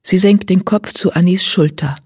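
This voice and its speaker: A woman reading a children's audiobook aloud in a lively storytelling manner. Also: on the low side, normal speed, breathy edge, no room sound, clean studio sound. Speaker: audiobook narrator. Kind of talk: scripted storybook narration.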